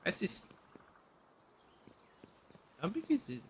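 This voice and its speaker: A man's voice: high voice, huge pitch swings, slow, pushed and bright, slight background noise. A man streaming a game, chatting casually in a rambling, ranting way and swearing freely. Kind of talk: casual chat while gaming.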